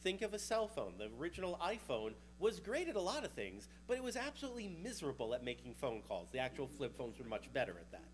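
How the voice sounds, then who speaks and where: A man with a New York accent presents research on vehicle technology at a conference, keeping it casual and chatty with the occasional joking aside. He has a mid-range voice, and there's slight background noise.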